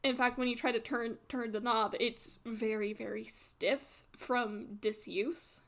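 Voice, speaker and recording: A woman running a tabletop game, improvising narration in a hesitant, halting way. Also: a little high, steady tone, a bit bright. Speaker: game master.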